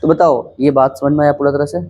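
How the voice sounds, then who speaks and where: A man teaching a maths lesson in a calm, unhurried way, often asking questions and answering them himself. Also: a little high. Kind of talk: casual classroom maths lesson.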